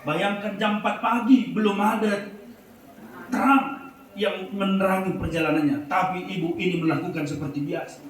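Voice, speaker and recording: High-voiced man telling a story. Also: steady tone, normal speed. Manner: vivid, emphatic storytelling. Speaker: speaker sharing a testimony. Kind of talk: storytelling sermon illustration. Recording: echoey room, distant mic, faint noise.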